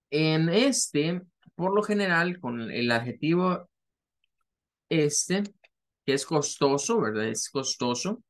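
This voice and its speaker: Slow, patient male English teacher. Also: on the high side, a bit bright. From Latin America. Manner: patient, explains step by step, repeats words slowly for pronunciation. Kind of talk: recorded online lesson.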